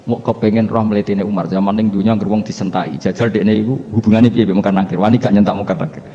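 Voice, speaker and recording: A man's voice: fairly low pitch, steady tone, quick pace, dark tone. A male Islamic cleric with a Javanese accent, giving a humorous religious lecture through stories and chuckling often. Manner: storytelling, chuckling, mixing in local words. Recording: dull lo-fi recording with faint hiss.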